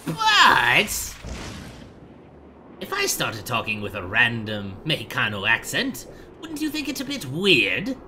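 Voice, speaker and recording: A man's voice: mid-range voice, huge pitch swings, slow pace, background noise. A man giving playful, sarcastic let's-play commentary, making jokes and sing-song asides. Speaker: gaming commentator.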